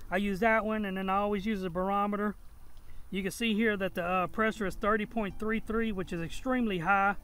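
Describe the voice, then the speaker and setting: A fairly high-pitched man talks outdoors on a riverbank, rambling and restarting with lots of fillers. His voice comes through a body-mounted camera mic, with faint outdoor noise behind him. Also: a bit bright. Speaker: fishing vlogger. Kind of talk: casual first-person vlog explanation.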